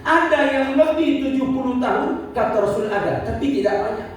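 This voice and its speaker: Fairly quick and expressive, this very high-pitched man in his fifties preaches a religious lecture, asking rhetorical questions, repeating points, and lightly joking with the congregation. The distant recording in an echoey hall has a little hiss or hum.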